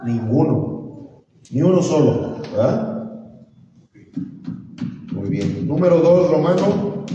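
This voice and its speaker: A man's voice: fairly high pitch, big pitch swings, slow, pauses often, mellow, highs cut off. A man teaching an evangelism class in church, asking the class to read out verses. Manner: asks the class to read verses, preachy and encouraging. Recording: echoey hall from far off, faint room noise.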